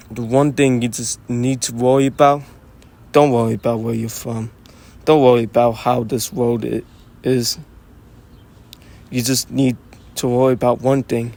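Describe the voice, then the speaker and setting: A man's voice: medium pitch, darkish tone. A man in a casual unscripted monologue, musing aloud and rambling, swearing freely and restarting his sentences. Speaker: vlogger talking to himself.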